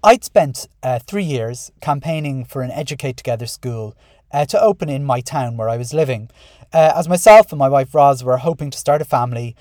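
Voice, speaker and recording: A man's voice: medium pitch, fairly quick, a little mellow, no room sound. Irish man hosting a podcast, dry close sound. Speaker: podcast host and school principal. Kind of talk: podcast monologue, part scripted, part conversational.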